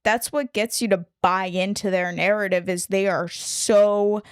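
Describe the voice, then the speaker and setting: A woman co-hosting a relaxed film podcast, talking through ideas with sarcastic asides and frequent laughs. Her voice sits at a middle pitch. It is recorded dry, with little room sound. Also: a little slow, smooth, no echo. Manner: sarcastic, explanatory, laughs often. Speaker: podcast co-host. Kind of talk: casual film discussion podcast.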